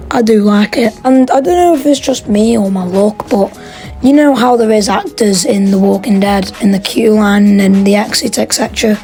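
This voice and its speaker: A woman's voice: mid-range voice, moderate pace, dark tone, soft background music, rough recording. A woman, chatting casually in a rambling, enthusiastic voice-over as she ranks theme park rides.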